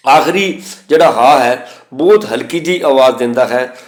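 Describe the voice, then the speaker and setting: A man teaching the pronunciation of scripture, reciting verses slowly and spelling out letters and vowel signs methodically. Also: medium pitch, roomy sound. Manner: slow chanted recitation of verses between explanations. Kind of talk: recorded lesson on scripture pronunciation.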